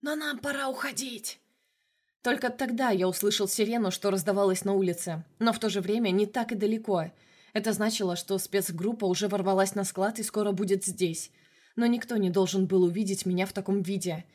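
A woman narrating a novel in an even, measured storytelling voice. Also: medium pitch. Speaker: audiobook narrator. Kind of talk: audiobook narration.

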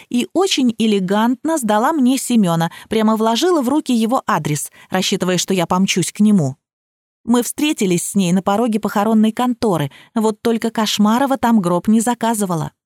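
A woman narrating a first-person detective novel as an audiobook in a steady, even storytelling manner. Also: a little high, no room sound, studio quality.

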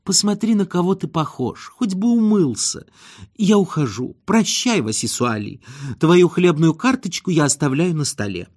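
A cold, impatient wife, as a male audiobook reader puts her on, answers in short, flat, dismissive lines. The reader lifts his voice a little higher to play her, and every line stays curt. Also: normal speed. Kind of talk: comic audiobook reading.

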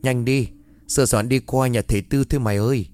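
A man's voice: medium pitch, fairly even intonation, fairly quick, darkish tone, slight background noise, close to an everyday voice. A man voicing a bossy young woman friend. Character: young woman, frightened friend who gives firm orders.

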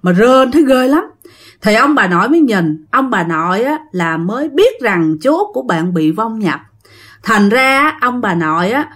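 A woman with a Southern Vietnamese accent telling a ghost story, chatty and speaking straight to her listeners. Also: medium pitch. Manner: chatty, addresses listeners directly. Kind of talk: spoken ghost story narration.

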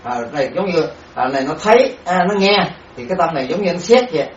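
A man, a Buddhist monk, giving a dharma lecture on Abhidhamma, speaking haltingly with many repeated words and sounding out syllables. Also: a little high, expressive, a little hiss or hum. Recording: echoey room, distant mic, dull sound.

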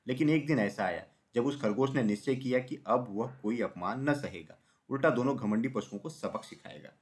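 Man narrating a children's story. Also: mid-range voice.

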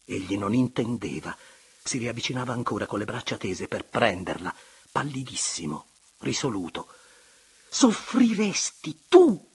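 A male narrator reads a classic novel with measured, expressive delivery. His voice is low and distinctly breathy, almost husky, and now and then drops into a hush. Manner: measured, expressive, sinking to hushed tones. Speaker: audiobook narrator. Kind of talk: literary audiobook reading.

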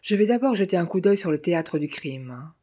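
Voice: medium pitch, lively intonation, fairly quick, mellow, close to an everyday voice. A narrator voicing a coarse, bullying police captain who talks sarcastically and blusters. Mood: blustering. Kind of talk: audiobook character voice.

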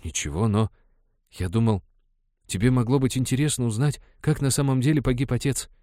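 A man's voice: medium pitch, fairly quick, dry recording, studio quality, voice pushed up, lightly acted. A man voicing an agitated young tribesman who argues urgently with his mother. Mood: earnest. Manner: urgent, pleading then yelling.

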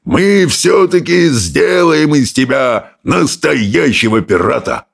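A man voicing a loud, bossy adult Viking teacher who roars his orders, in a rough, gravelly voice. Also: mid-range voice, lively intonation, measured pace, voice pushed up, full character voice. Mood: booming. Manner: roaring, barking orders. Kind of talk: audiobook character voice.

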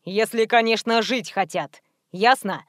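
A woman voicing a rude, menacing young male thug in an audiobook, with a slow, low, threatening drawl. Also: dry recording, studio quality, close to an everyday voice. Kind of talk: audiobook reading.

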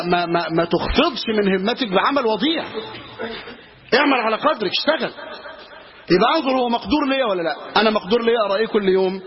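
A man with an Egyptian Arabic accent teaching a religious lesson as a sheikh, telling stories with asides and humor. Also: high voice. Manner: lively storytelling with asides and humor. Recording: dull lo-fi recording.

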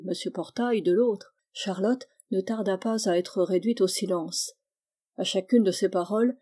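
An audiobook reader, a woman with a medium-pitched voice, narrates a novel aloud. Her scripted delivery is steady and measured.

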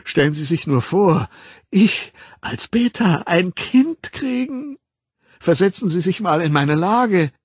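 A weepy, gossipy woman whines and pleads in a high, wildly swinging voice, put on by a man reading a storybook. The tone is husky, and the recording is dry and close, with no room sound. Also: big pitch swings, takes it slowly, dry recording, full character voice. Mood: pleading, tearful. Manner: high, pleading and whining, breaking into whispers. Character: distraught middle-aged woman, tearful, gossipy, self-pitying.

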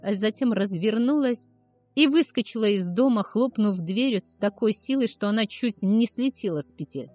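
A woman narrating a story in the first person at a steady, measured pace. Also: medium pitch, no room sound, soft background music. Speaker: audiobook narrator.

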